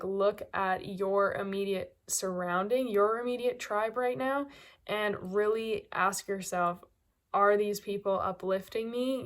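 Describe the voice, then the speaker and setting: Woman doing a casual motivational coaching talk, medium pitch, conversational, emphasizes key words. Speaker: self-help coach.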